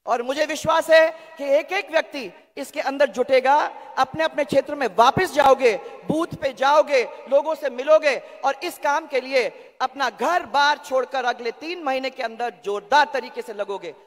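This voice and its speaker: A man makes a political rally speech in a very high, bright and forceful voice. He is urging and emphatic, repeating key phrases, with long reverb from the public-address system trailing his words. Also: normal speed, hardly any pauses. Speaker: political party speaker at rally.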